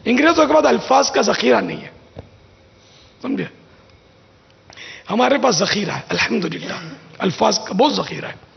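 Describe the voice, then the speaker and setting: With a very high, creaky voice, a religious scholar offers advice during an informal religious talk, sharing anecdotes conversationally and performing the lines he quotes. The audio is dull and lo-fi, with long reverb.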